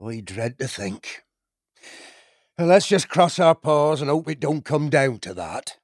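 A man's voice: on the high side, expressive, unhurried, dry recording, clean studio sound, pitched above the performer's own voice. A man doing a folksy otter chieftain. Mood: steady. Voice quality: folksy and homely, dropping his g's. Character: gruff, kindly male otter chieftain.

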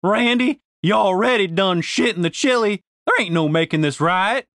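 A woman's voice: mid-range voice, lively intonation, moderate pace, fairly bright tone, no room sound, studio quality, pitched above the performer's own voice. A man voicing a tough, crude, swearing woman fighter with blunt folksy slang. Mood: wry.

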